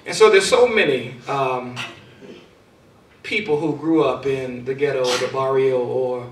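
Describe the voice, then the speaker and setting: A man giving a motivational speech, telling a personal story, his loudness rising and falling for effect. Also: medium pitch, a little slow. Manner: storytelling with dramatic swings in loudness. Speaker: speaker. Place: large hall. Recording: echoey hall, far from mic.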